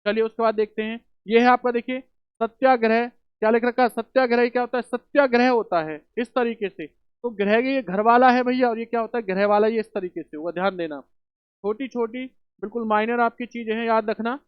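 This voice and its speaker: A man with an extremely high, brisk voice and a clean, echo-free tone teaches a spelling lesson for exam prep. He poses rhetorical questions, answers them himself, and addresses students as children and brothers. The audio is a dull, dry home recording.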